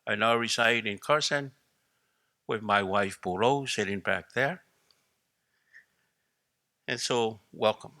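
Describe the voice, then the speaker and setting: A middle-aged man opens a panel in a formal, measured way. His voice is low but very bright and forceful, and the sound is dry and close. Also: dry recording. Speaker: moderator.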